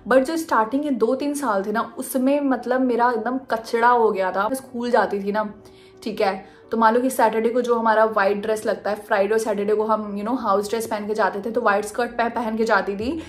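A woman's voice: a little high, fairly quick, soft background music. Chatty young woman telling a story. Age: young adult. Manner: chatty, animated, mixing Hindi and English. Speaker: vlogger. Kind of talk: casual storytime.

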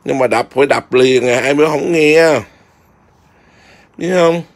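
A man's voice: medium pitch, measured pace. A man, a Buddhist monk, chatting casually outdoors in his garden and keeps asking his viewers whether they see. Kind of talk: casual home vlog.

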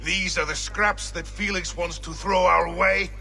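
Gravelly, forceful, menacing gladiator villain. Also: male voice, sits high, fairly even intonation, measured pace, faint music behind, exaggerated voice. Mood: gloating menace. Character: menacing, contemptuous brutish male gladiator villain. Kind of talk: video game voice acting.

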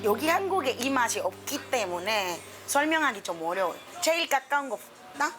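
A woman's voice: fairly high pitch, sing-song, normal speed. A woman from Colombia, a native Spanish speaker with a Colombian accent, chatting casually and expressively. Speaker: featured subject of a documentary. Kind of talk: casual chat to camera. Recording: background music under the voice.

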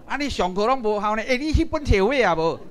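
A man from Taiwan lectures a class in a high voice. His pitch swings widely as he presses his points. He keeps turning to the audience with direct rhetorical questions. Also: animated, quick pace.

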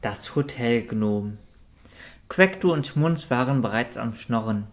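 A man's voice: mid-range voice, takes it slowly. A man narrating a children's storybook audiobook. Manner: lively character voicing.

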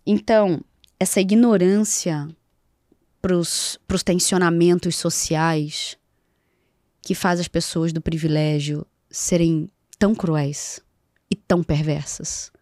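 A woman's voice: on the low side, fairly even intonation, takes it slowly, a little mellow, no room sound, studio quality. A woman, a podcast guest talking in an emphatic way and repeating key phrases for weight. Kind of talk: conversational interview talk. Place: podcast studio.

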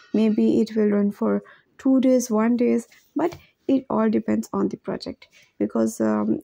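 A woman's voice: on the high side, vocal fry, mellow, dry recording. A woman hosting a channel, walking viewers through a phone app step by step and addressing them as guys, with frequent um and uh fillers. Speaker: channel host. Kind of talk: screen-recorded app walkthrough.

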